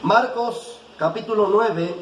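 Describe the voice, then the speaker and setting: A man preaching a sermon, reading scripture slowly and deliberately and then pressing his point with rising intensity. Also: high voice. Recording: echoey room with faint background noise.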